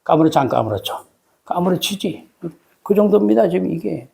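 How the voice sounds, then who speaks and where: High voiced pastor guy preaching, super animated, acts out the people in the story, asks for amens. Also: moderate pace, creaky. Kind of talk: sermon.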